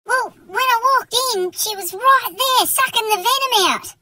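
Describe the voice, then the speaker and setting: A man's voice: extremely high pitch, sharp tone, dry recording, studio quality, exaggerated voice. A man playing a naive, innocent young man in a comedy skit, earnest and gushing. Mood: awed. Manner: earnest, gushing, slow wide-eyed delivery. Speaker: comedy sketch character.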